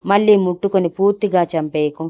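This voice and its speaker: A woman's voice: lowish voice, fairly quick, warm tone, muffled recording, natural voice. A woman voicing a distraught young woman who speaks in a tearful, accusing way in a storybook audio drama.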